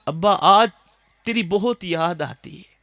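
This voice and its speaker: A man with a Saraiki accent preaching an emotional, declamatory sermon to a gathering, calling his listeners brothers and rising at times to shouting. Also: sits high, no room sound.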